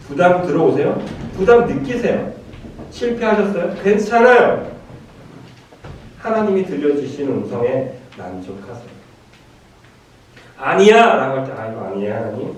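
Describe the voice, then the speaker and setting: Korean pastor preaching in an echoey hall. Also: male voice, a little high, darkish tone, slight background noise. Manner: conversational, asks the congregation questions and answers them. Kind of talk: sermon. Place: church sanctuary. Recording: echoey church hall, mic at a distance.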